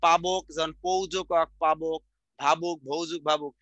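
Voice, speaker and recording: A middle-aged man teaching an exam-prep grammar lesson, repeating sounds slowly and quizzing the class. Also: fairly high pitch, fairly even intonation, bright, forceful tone, no echo. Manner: repetitive, drills sounds out slowly, asks the class questions.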